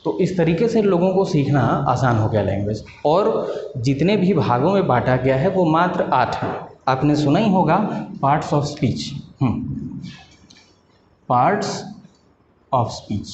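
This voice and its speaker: A man teaches a lesson in a patient, explanatory way, pausing on rhetorical questions and drawing out key terms. His voice sits a little high yet sounds mellow and warm. The recording is dull and lo-fi, with a roomy echo. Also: lively intonation, slight background noise. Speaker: English teacher. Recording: echoey room, dull lo-fi sound.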